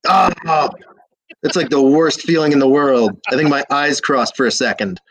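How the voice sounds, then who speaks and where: A man's voice: medium pitch, moderate pace, fairly bright tone, breathy edge, no echo, poor audio. A drunk young man retelling an old epic in a rambling, slangy way, with hiccups and lots of fillers. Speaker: drunk storyteller.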